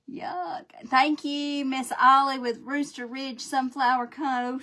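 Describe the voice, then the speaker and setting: Lady doing a craft live at home, bright voice, folksy rambling chat, talks to viewers. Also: a little high. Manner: chatty, folksy, greets viewers by name. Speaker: craft livestream host. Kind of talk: casual livestream chat while painting.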